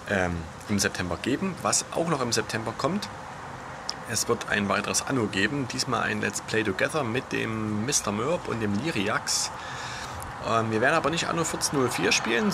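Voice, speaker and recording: A young man talks in a hushed, almost whispered undertone. His voice sits fairly low and has a strong creak. He chats casually into a camera held at arm's length, outdoors with clear urban noise behind him. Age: young adult. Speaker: gaming vlogger. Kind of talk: casual vlog chat. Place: outdoors on an apartment balcony.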